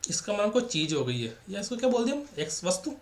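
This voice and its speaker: A man's voice: sits high, sing-song, fast, reverberant. A man teaching a maths lesson in a chatty, repetitive way, often asking rhetorical questions. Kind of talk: casual classroom lecture.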